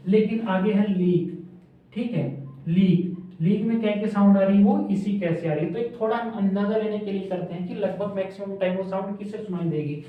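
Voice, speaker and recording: A man's voice: high voice, normal speed. A man teaching a shorthand class, repeating letters and quizzing his students as he draws strokes. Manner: repeats drills and asks the class questions. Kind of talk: classroom lesson at a board. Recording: echoey room, distant phone-like mic.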